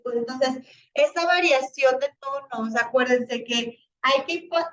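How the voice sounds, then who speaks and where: A woman teacher, slightly hoarse, lecturing a class in a chatty, animated way with many fillers. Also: high-pitched. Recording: roomy, distant, dull classroom recording.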